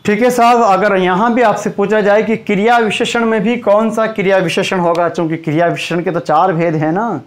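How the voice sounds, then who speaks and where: A man teaching a Hindi grammar lesson, quizzing his students and slowly repeating the key terms for emphasis. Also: high-pitched, fairly even intonation.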